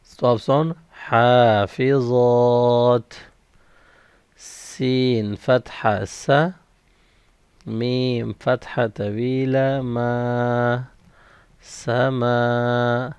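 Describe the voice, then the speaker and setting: A man teaching Quran reading, spelling out each letter and vowel and then slowly blending the syllables in a recitation drill. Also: medium pitch, fairly even intonation, a little mellow, clean tone, no room sound. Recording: dull, slightly lo-fi dry recording.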